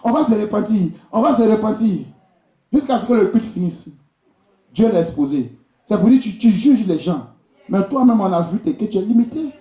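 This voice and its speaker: Animated yet mellow, with a high voice at a moderate pace, an Ivorian-accented man preaches charismatically as a visiting preacher and prophet from Côte d'Ivoire. He exhorts the congregation directly and repeats key phrases at a live indoor service, recorded with echoey church hall acoustics.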